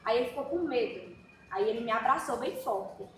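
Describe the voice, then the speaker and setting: High-voiced mother telling a story. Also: lively intonation, fairly quick. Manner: chatty, anecdotal. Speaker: parent sharing experience. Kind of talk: casual storytelling. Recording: roomy mic with clear background noise.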